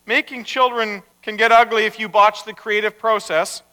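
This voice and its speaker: In a live storytelling performance, a man voices God as blunt and fatherly, with an authoritative, sardonic, wry and commanding manner. His high-pitched voice is bright, forceful and clean, with a level tone at a moderate pace, recorded in an echoey hall with long reverb.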